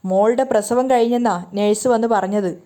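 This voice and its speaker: A woman's voice: mid-range voice, fairly even intonation, a little fast, mellow, lightly acted. Woman reading a fretful scolding mother. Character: anxious middle-aged mother, quick-tempered.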